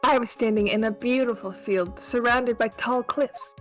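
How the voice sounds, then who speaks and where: Woman playing a meek, higher-pitched young college witness. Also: steady tone, normal speed, faint music behind, lightly acted. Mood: timid, polite. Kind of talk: comedic amateur courtroom game read-along.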